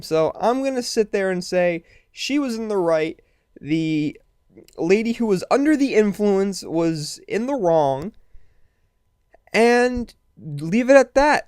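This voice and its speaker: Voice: mid-range voice, clean tone, no room sound. Blunt, casual commentator, dry close sound. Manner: blunt, profane, animated asides. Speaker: online video commentator.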